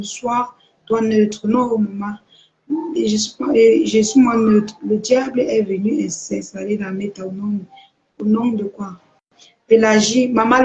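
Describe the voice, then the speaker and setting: A woman's voice: medium pitch, a little mellow. A woman chatting live with viewers, greeting them and reading their comments, laughing often and chanting names in a sing-song way. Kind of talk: casual live-stream chat. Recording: echoey room.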